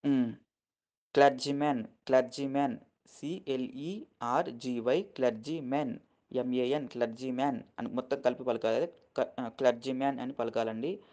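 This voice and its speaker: Teaching English words through Telugu in a relaxed lesson, this man spells everything out letter by letter and keeps checking with "okay?" after each point. He is earnest and grows emotional while lecturing; his medium-pitched, dark voice has fairly even intonation and a moderate pace, with the highs cut off.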